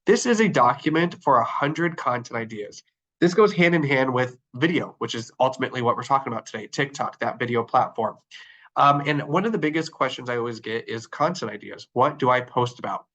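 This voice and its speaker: Leading an online training while clicking through screens, an Arizona man talks fairly quickly in a medium-pitched, slightly bright voice, nasal and stuffed up with flu. He's upbeat and loaded with ums and uhs.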